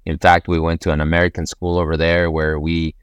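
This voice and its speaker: A man from Ecuador speaks in an earnest, motivational tone. His low voice is smooth and resonant. The recording is close and dry, with no room echo. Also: level tone, fairly quick. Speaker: podcast guest, real estate investor. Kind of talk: motivational interview talk.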